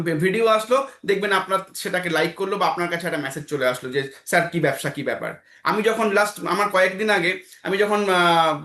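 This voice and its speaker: Male trainer, high and bright, motivational talk in an echoey room. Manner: exhorting, repeats phrases, asks himself questions then answers. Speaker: trainer leading an online team meeting.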